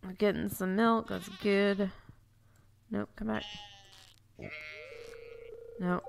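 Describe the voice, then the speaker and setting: A woman with a gravelly, stuffy, congested voice chats casually while playing a farming game, thinking aloud and correcting herself. Her pitch is medium, her intonation fairly even, and she speaks slowly over background noise. She's the host of a let's play, giving casual gameplay commentary.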